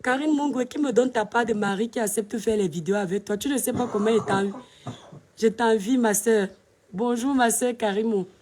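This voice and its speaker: A woman chatting casually to her followers in a live video from her bedroom, animated and sometimes speaking softly. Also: on the high side, brisk, distant mic, a little hiss or hum. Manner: chatty and animated, addresses viewers as her stars; speaks softly at times so as not to disturb her husband. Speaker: social media vlogger. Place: bedroom at home, indoors. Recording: roomy echo, voice a bit off-mic.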